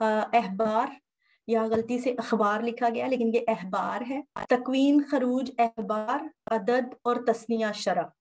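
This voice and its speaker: A woman's voice: fairly high pitch, a little mellow. A woman giving a methodical Bible lesson from slides, repeating key terms as she explains. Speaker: Bible teacher. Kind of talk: slide-based lecture.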